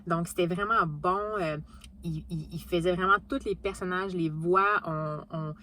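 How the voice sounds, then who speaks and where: A woman's voice: fairly low pitch, fairly even intonation, measured pace, bright, forceful tone, slight background noise. A woman with a Québécois French accent chatting casually about her reading, with many fillers and restarts. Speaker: book vlogger. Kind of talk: casual book vlog chat.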